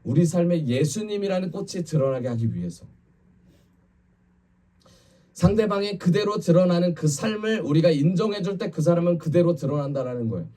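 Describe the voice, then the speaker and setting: A man's voice: high-pitched, normal speed, far from the mic. A man, a pastor, giving a conversational Friday evening sermon in a church, talking directly to his congregation. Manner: conversational preaching, quotes people in lively voices. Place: church sanctuary.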